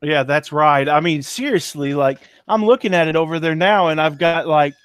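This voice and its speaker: Higher-voiced man, rambling folksy seller. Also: moderate pace, clear, resonant tone, no echo, studio quality. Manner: rambling, folksy and self-deprecating. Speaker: antiques seller. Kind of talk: casual chat.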